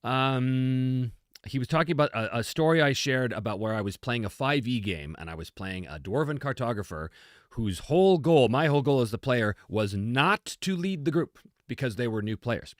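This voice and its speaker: A man who is a host, game designer and game master leads a casual talk about tabletop gaming, answering questions in an emphatic, conversational, self-deprecating style. His mid-range voice is expressive and moderately paced, recorded dry with clean studio sound.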